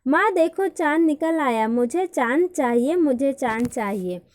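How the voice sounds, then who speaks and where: Little butterfly girl, high and pleading, begs for the moon again and again, storybook reading, a woman teacher reads it. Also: lively intonation, unhurried. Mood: whiny. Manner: pleading, repeats her demand. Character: small crying girl butterfly wanting the moon.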